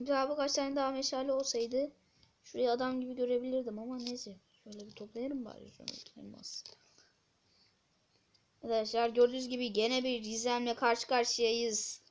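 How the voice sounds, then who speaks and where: A woman's voice: a little high, steady tone, normal speed, pauses often. A woman casually commentating her gameplay, talking to viewers with muttered asides. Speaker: gameplay video host.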